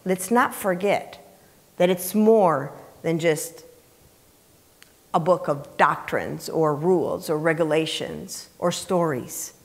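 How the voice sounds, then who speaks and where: Slow and low-voiced, a middle-aged woman preaches a sermon on scripture to her congregation from the church platform. She speaks emphatically in a conversational way, repeating phrases and asking rhetorical questions, with the sanctuary's echo picked up around her.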